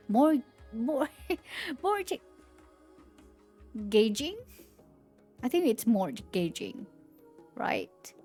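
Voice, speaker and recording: Slow, mellow-voiced woman reading lore. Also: medium pitch. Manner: reads slowly, stumbles on words, breaks off to react. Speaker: streamer reading game lore. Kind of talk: casual lore reading aloud.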